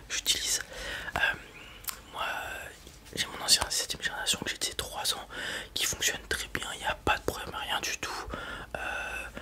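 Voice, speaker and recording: The voice belongs to an ASMR roleplayer pretending to be a space robot who travels around selling things. It is whispered quietly, hesitantly, and without any rush.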